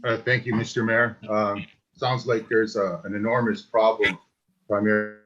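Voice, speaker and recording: A man's voice: on the low side, little pitch movement, over music. A man speaking hesitantly at a committee meeting over a video call, his voice cutting in and out and freezing. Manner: hesitant, many pauses and fillers. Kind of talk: halting remarks in a virtual meeting. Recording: dull lo-fi video call audio.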